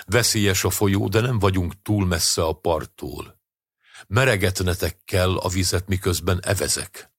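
A man voicing a calm, determined older male rescuer in a storybook reading. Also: sits low, slightly rough, no room sound, studio quality. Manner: calm and firm.

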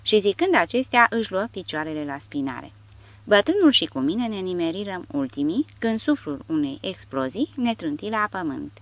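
Woman reading an audiobook, low voice, dry muffled lo-fi sound. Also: big pitch swings, dry recording. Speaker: audiobook narrator. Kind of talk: audiobook narration.

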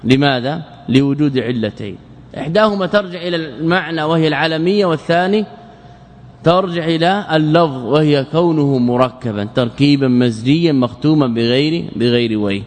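A man who is a scholar teaching Arabic grammar, reciting verse lines slowly and then asking rhetorical questions and answering them himself. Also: fairly high pitch, long reverb tail. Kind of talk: lecture.

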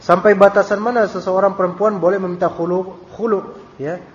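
A man's voice: sits high, fairly even intonation, a little fast. A man teaching a religious study circle, reading out questions and answering them in a casual, joking way. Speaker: Islamic teacher. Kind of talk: recorded study-circle lecture with Q&A. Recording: dull lo-fi audio with faint hiss.

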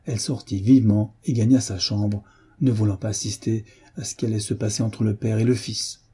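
Guy reading an old novel out loud, super husky and dark, takes his time. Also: on the low side, flat delivery, fairly quick. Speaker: audiobook narrator. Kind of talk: scripted narration of a novel.

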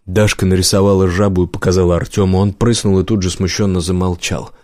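A male audiobook narrator reading in a measured, even storytelling manner. His voice sits on the low side and is recorded close on a studio mic, with a dry sound and no room echo.

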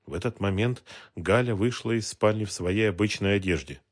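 A man with a fairly low voice narrating an audiobook. His reading is measured and dramatic, steady through the tense scene. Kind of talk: scripted narration.

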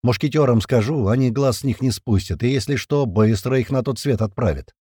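A man voicing a gruff male squad commander who talks curtly and gives orders, in an audiobook. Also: medium pitch, fairly quick, warm tone, dry recording, studio quality, lightly acted. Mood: calm. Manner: curt, commanding.

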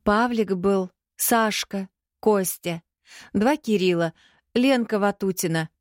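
A woman's voice: medium pitch, slow pace, dry recording, studio quality, pitched above the performer's own voice, natural voice. A woman voicing a spoiled, petulant young rich daughter in an audiobook, with a whiny drawl.

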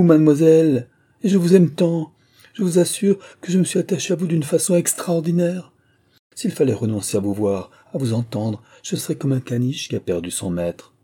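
A man's voice: mid-range voice, dark tone, slightly rough, pitched above the performer's own voice. A man voicing a polite young suitor who stammers out earnest, embarrassed replies in a storybook reading.

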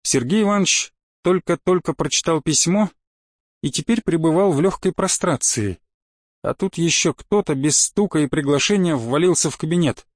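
A man narrating an audiobook in a measured, ironic way. His voice sits a little high, and the recording is close and dry with no room sound. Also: no echo.

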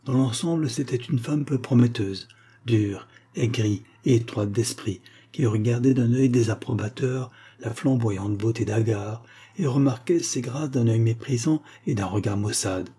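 A man reading an audiobook in a steady, even narration. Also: mid-range voice, a little slow, husky.

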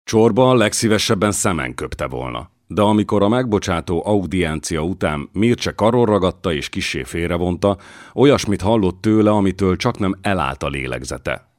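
Deep-voiced male audiobook narrator. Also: expressive, no room sound, clean studio sound. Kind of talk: scripted narration.

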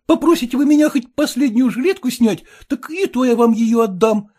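A man's voice: very high-pitched, sing-song, moderate pace, a little mellow, husky, full character voice. A man playing an earnest jealous suitor. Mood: pleading. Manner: earnest, pleading. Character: earnest jealous male suitor, fussy, self-satisfied.

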